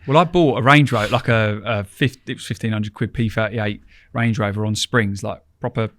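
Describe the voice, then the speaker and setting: A man's voice: on the low side, normal speed, a bit bright, no room sound. A man telling casual, rambling anecdotes as a podcast guest in informal, colloquial speech.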